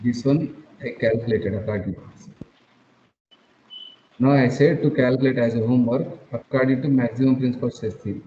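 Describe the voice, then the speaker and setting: A man lecturing an online engineering class, captured as a screen recording, talking haltingly with repeated phrases and "uh" fillers. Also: mid-range voice, fairly even intonation, warm tone. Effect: screen-recorded online class audio. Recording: dull lo-fi roomy sound with faint noise.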